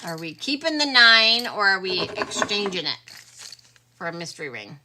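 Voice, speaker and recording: Chatting casually on her pearl-selling livestream, a middle-aged woman sounds tired and keeps yawning, then warmly says goodbye to viewers. Her medium-pitched voice swings widely in pitch at a normal speed, with background noise behind her.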